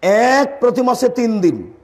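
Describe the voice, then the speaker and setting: Slow, high-voiced older man preaching. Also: big pitch swings. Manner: teaching, repeats key points and questions the audience; scolds listeners for talking. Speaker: Islamic preacher. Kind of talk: sermon.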